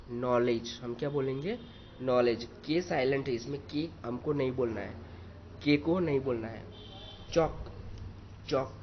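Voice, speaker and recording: A male English teacher, slowly explaining exercises, spelling words letter by letter and repeating each one. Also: mid-range voice. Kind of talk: slow explanatory lesson. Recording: dull lo-fi recording with faint noise.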